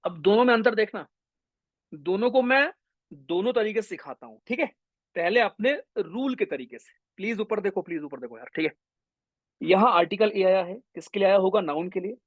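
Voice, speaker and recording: Brief: young male grammar tutor, high voice, lively classroom energy, dry close mic. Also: normal speed, dry recording, narrow, tinny audio. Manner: energetic, mixes Hindi with English terms, addresses students as brothers. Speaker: English grammar teacher. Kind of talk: online exam-prep class lecture.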